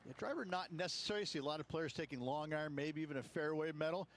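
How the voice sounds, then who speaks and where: A male golf commentator voiced by an actor gives knowledgeable course analysis for a video game broadcast. His voice sits a little high and his delivery is matter-of-fact. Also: fast, close to an everyday voice.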